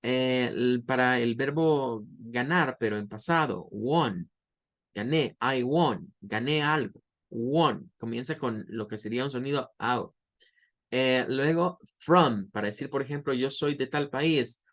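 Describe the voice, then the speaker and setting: A man teaching English pronunciation, saying each example word over and over slowly. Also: mid-range voice, a bit bright. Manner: patient, repeats words slowly for drilling. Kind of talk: online language lesson.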